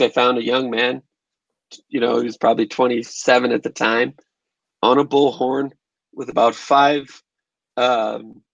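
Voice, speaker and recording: A man's voice: medium pitch, creaky, no room sound, muffled recording. A man filmmaker answering interview questions in a thoughtful, conversational way, often restarting his phrases. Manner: thoughtful, restarts phrases while recalling events. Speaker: documentary filmmaker and photographer.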